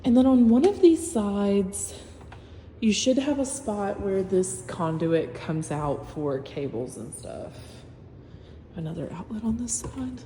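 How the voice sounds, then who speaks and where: A woman's voice: medium pitch, expressive, slow pace, warm tone. Chatty woman in echoey empty house. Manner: chatty, matter-of-fact, points things out room by room. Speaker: real estate agent. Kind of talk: casual home-tour walkthrough. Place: empty new-built house, indoors. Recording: echoey empty rooms with long reverb, faint hum.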